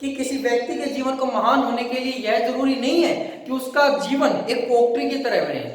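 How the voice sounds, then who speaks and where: A male teacher lecturing a class on a poem. He repeats points, has pupils say words after him, and reads English lines slowly. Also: very high-pitched. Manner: repetitive, asks pupils to repeat after him, calls them friends. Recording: echoey hall, far from the mic.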